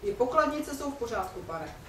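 A fearful young wife, stammering and pleading for mercy, as a woman lecturer reads her aloud. The voice sits fairly high and sounds distant in a reverberant room with faint ambience. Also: animated, fairly bright tone, slight background noise. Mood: frightened. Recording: roomy hall from a distance.

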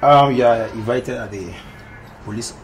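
An actor playing a stiff male police officer, speaking formally and haltingly in a film drama. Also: mid-range voice, slight background noise, lightly acted. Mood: stiff, official. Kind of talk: film acting. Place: outdoors at a front door. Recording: music behind the voice.

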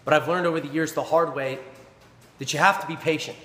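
This thirties-aged personal trainer talks fairly quickly in a slightly high, fairly bright voice with fairly even intonation. Speaking to a close-range camera in front of him, he gives an earnest, emphatic motivational talk, repeating phrases for stress, while the small gym echoes with long reverb.

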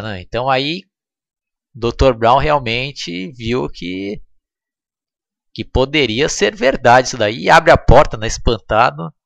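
A man's voice: on the low side, creaky, a bit bright, no echo. A man with a Brazilian accent, chatty and slangy, casually retelling a film scene by scene as a reviewer and checking in with his listener again and again. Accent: Brazilian Portuguese.

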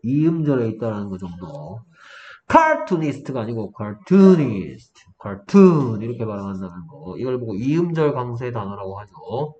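A man teaching an English vocabulary lesson to a student in a small room, explaining step by step and quizzing with quick questions. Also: on the low side, very animated, darkish tone. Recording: dull lo-fi room recording, faint noise.

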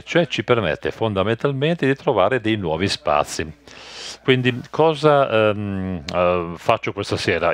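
A man interpreting a stage talk live, phrasing it haltingly with small explanatory asides. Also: sits low.

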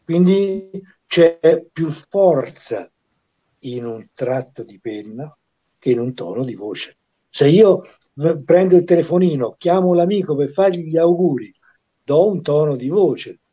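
A man speaks slowly and reflectively in a casual chat, dwelling on each thought. His mellow voice sits somewhat high, and it comes through dull lo-fi audio. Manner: slow, reflective, speaks in aphorisms. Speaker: calligraphy association member.

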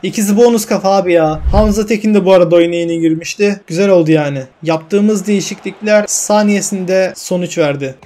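A young man giving emotional play-by-play of his own football video game, calm one moment and yelling at goals the next. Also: high voice, fairly quick, few pauses. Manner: emotional, swings from calm commentary to yelling at goals and cursing misses. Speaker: gaming YouTuber. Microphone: desk mic.

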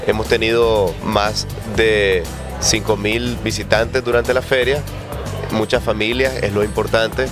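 A housing association official answers a reporter's questions. He is hesitant and often restarts, and his voice sits somewhat low. Clear background music plays. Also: flat delivery, unhurried. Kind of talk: interview answers.

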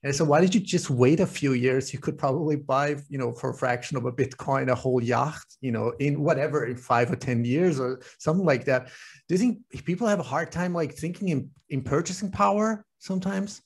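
A man's voice: a little high, fairly quick, breathy edge. A man in his forties hosting a casual video-call interview, asking rambling questions full of fillers. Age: 40s. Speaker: podcast host. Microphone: desk microphone on video call.

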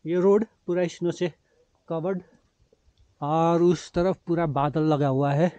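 With a camera held at arm's length, a travel vlogger in his forties casually narrates his trek along mountain roads, slipping English words and phrases into his speech. He speaks slowly in a fairly high, warm voice with fairly even intonation. There's no echo, though the camera audio is slightly dull and muffled.

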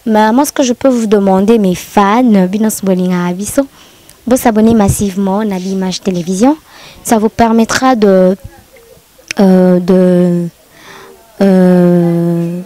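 A woman's voice: medium pitch, dark tone. A young woman with a Congolese French accent, a TV presenter talking on camera in an interview, often hesitating and slipping into Lingala. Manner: mixes in Lingala, many hesitations.

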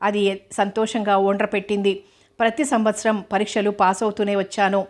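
Unhurried and evenly paced, a woman's mid-range narration of a novel for audiobook holds a flat, steady tone from start to finish.

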